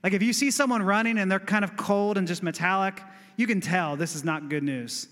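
Male pastor, high sharp voice, lively conversational sermon, echoing church sanctuary. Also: a little fast. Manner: animated, conversational preaching that builds to exclamations. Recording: long reverb of a church hall.

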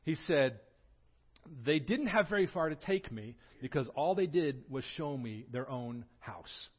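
A pastor in his forties from Southern California, who prays quietly and then preaches in a lively storytelling way with touches of humor. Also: fairly high pitch, measured pace, husky, dull audio. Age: 40s. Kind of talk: sermon.

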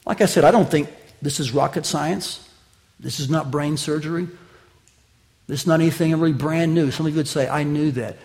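A pastor preaching a conversational sermon to his congregation, swinging between loud, raised lines and quiet, slow asides, and joking with the listeners. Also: vocal fry. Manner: conversational preaching with wide swings of pitch and loudness; jokes with the congregation.

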